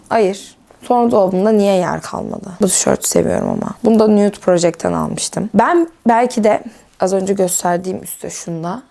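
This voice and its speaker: A woman's voice: mid-range voice, vocal fry, warm tone. A young woman vlogging in a rambling, chatty stream of thought while she sorts her wardrobe, laughing often. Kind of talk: casual stream-of-consciousness chat.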